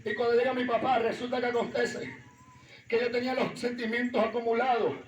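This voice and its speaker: A man's voice: very high-pitched, little pitch movement, a little fast, a little hiss or hum. A Venezuelan man, a pastor, giving his personal testimony as a fervent, emphatic sermon in a church hall. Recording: echoey, distant, dull sound.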